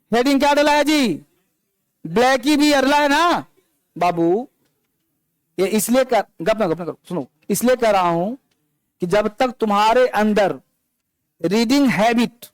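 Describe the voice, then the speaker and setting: A man's voice: very high-pitched, no echo. A man teaching an English class, explaining grammar and calling out instructions to his students. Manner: instructive, calls on students and drills them.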